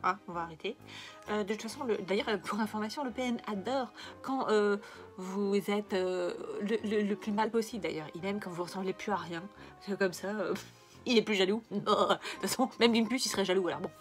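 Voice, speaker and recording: A woman's voice: mid-range voice, brisk, faint music behind. A woman talking casually to camera, sarcastic and laughing at her own story. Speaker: video creator on narcissistic abuse. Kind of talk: casual confessional vlog.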